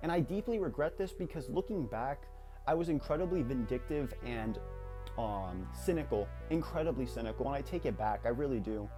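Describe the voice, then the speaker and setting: A man's voice: medium pitch, expressive, brisk, over loud music. A young man in his late teens talking candidly and reflectively in a personal vlog, rambling a little and restarting his sentences. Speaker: YouTuber.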